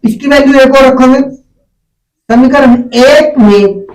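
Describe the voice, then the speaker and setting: A man's voice: very high-pitched, slow, darkish tone. A male math teacher giving a classroom lesson, asking the students questions and calling them "beta". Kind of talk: classroom lesson, call-and-response. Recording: echoey room, distant mic.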